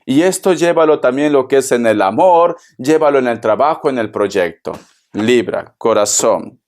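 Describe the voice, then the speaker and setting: A man's voice: mid-range voice, lively intonation, normal speed, darkish tone. A man giving a casual tarot reading, speaking affectionately and calling the listener by endearments. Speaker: tarot reader.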